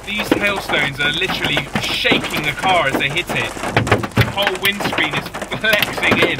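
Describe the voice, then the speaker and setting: A man presenting a storm-chasing video diary on location, speaking off the cuff and reacting as he goes. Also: a little high. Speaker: presenter reporting on a storm chase. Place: outdoors by the road and inside a car. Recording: loud music, outdoor and car noise, distant mic.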